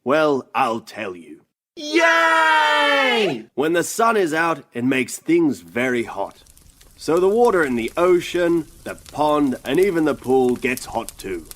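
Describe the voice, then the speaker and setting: Casting: cheerful know-it-all professor for a kids' audio show, broad singsong theatre delivery, very lively pitch, unhurried. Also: a little hiss or hum. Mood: playful teaching. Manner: broad singsong children's-theatre delivery, sounding words out slowly. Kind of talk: children's story podcast acting.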